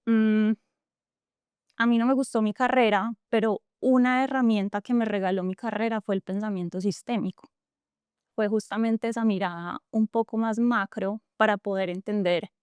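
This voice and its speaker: A tech entrepreneur in her thirties, speaking with the accent of Colombia's coffee region, appears as an interview guest. Her fairly high voice is clear and resonant, recorded in a clean studio with no room sound, and she's earnest and reflective, using many fillers and restarts.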